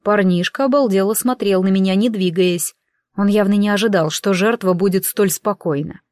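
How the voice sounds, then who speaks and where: A woman's voice: medium pitch, moderate pace, darkish tone, no room sound. A woman reading a first-person audiobook with dry, ironic storytelling. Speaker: audiobook reader.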